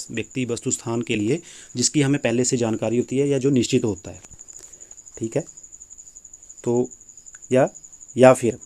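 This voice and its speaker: A man's voice: medium pitch, warm tone. A man teaching a grammar lesson, patiently explaining and repeating points with rhetorical questions.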